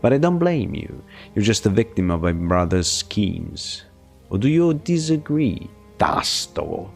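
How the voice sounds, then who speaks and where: A man's voice: lowish voice, very animated, unhurried, creaky, soft background music, exaggerated voice. A man voicing a bitter, proud young nobleman, the scornful eldest son, with a haughty, cutting delivery.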